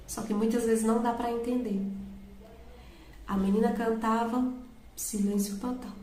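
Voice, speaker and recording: A woman's voice: a little high, level tone, unhurried, darkish tone, echoey room, a little hiss or hum, poor audio. A woman earnestly telling her viewers a personal faith testimony, awed and direct. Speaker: testimony vlogger.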